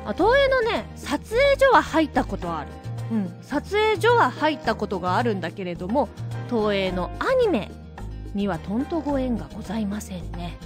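A woman hosting her own web radio show, talking casually and reflectively, thinking aloud with soft asides. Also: on the high side, sing-song, normal speed. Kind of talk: casual solo radio talk. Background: background music.

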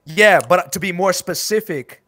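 A man's voice: high-pitched, unhurried, bright, forceful tone, dry recording, studio quality. A man from Afghanistan on a casual podcast, talking loosely and teasing the others.

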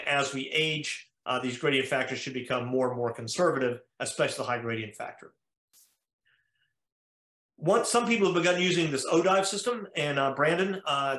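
A fairly bright, slightly high male voice with an American accent belongs to a cardiologist lecturing a diving conference by video call. His slide talk is methodical and step by step, sprinkled with frequent "uh"s, and it's captured in an echoey space.

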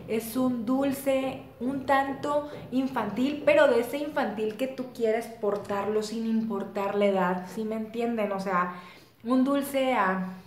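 A young woman with a Mexican accent talks in a chatty, excitable way, full of slang and fillers. Her voice sits a little high. The sound carries noticeable room echo. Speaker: beauty vlogger reviewing perfume. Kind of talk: casual chat.

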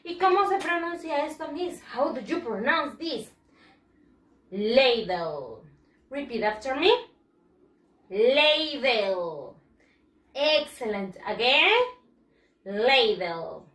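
High-voiced teacher in an echoey room. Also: female voice, animated, pushed and bright, recorded from a distance. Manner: slow, drawn-out pronunciation drills. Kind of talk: bilingual vocabulary lesson for children.

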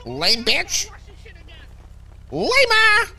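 Very high-pitched trash-talking gang sidekick played by a woman. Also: huge pitch swings, drawn-out words, exaggerated voice. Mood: jeering. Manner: loud-mouthed, jeering, swearing. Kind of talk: improvised online game role-play. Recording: game voice chat with crowd chatter.

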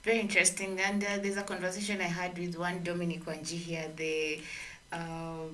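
A woman's voice: fairly low pitch, level tone, normal speed, a bit bright, recorded from a distance, slight background noise. A woman, co-hosting a radio discussion and asking long, winding questions with fillers. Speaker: radio co-host. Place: radio studio with red walls. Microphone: studio boom mic.

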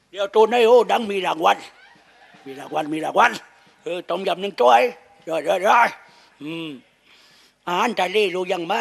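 A man's voice: high voice, vocal fry, fairly bright tone. A man with a Southern Thai accent, a shadow puppet master telling crude comic stories with jokes and laughs. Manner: crude, joking storytelling with laughs.

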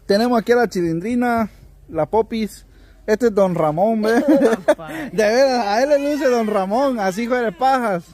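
A man's voice: extremely high pitch, unhurried, a little mellow. A man with a Guatemalan accent chatting casually and jokingly with his family and viewers. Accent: Guatemalan Spanish. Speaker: vlogger, taco seller. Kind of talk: casual chat.

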